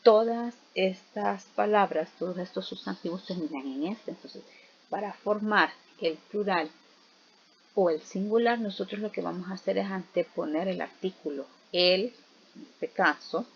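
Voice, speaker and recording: Gravelly woman teaching a grammar lesson. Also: medium pitch, normal speed. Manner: patient, explains step by step with rhetorical questions. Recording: dull, slightly noisy recording.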